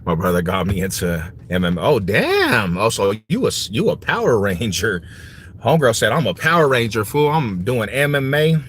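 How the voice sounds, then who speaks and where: Noticeable background noise accompanies a man in his forties chatting on his livestream. His voice sits low and a bit bright, and he responds to viewers in a relaxed, slangy way, often repeating phrases.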